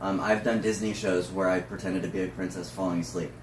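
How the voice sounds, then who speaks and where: A drag performer talks casually through notes during a discussion, his low voice steady and fast. The mic sounds distant and roomy, with faint noise.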